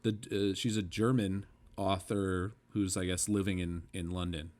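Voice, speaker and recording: Giggly, halting man co-hosting a book chat. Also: low-pitched, flat delivery, darkish tone. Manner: halting, laughs often, many restarts. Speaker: podcast co-host.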